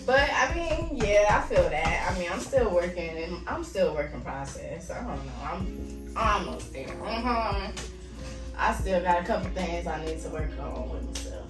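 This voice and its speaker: A woman in a relaxed, informal chat, speaking in everyday colloquial phrases. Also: fairly low pitch, moderate pace. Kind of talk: casual chat. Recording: echoey room, distant mic, music underneath. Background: background music.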